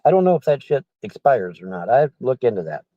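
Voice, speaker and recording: This livestreamer, a middle-aged man, is very animated and talks fast from inside his car, responding to viewer chat. His medium-pitched chatter rambles and circles back on the same phrases. The sound is lo-fi, with no echo.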